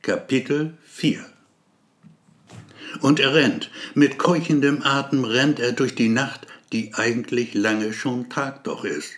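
A man's voice: medium pitch, fairly even intonation, slow, a bit bright. A man reading a story aloud in a dramatic, suspenseful narration. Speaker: audiobook narrator. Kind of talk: scripted narration.

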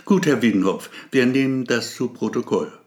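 Man voicing a gruff barking police officer. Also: medium pitch, normal speed, close to an everyday voice. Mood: stern. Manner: blunt, barking orders. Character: gruff male police officer, blunt and shouting.

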